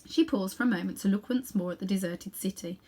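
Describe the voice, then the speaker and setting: A woman's voice: medium pitch, fast, mellow. A woman narrating a children's novel expressively as a storybook reader.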